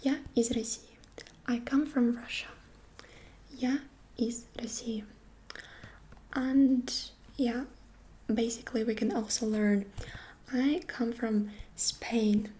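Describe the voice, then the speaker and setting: A woman whispers through an ASMR language lesson, her voice slightly high yet mellow. She moves very slowly and gently, repeating each phrase again and again. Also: steady tone. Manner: gentle, soft-spoken. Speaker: ASMR creator teaching phrases.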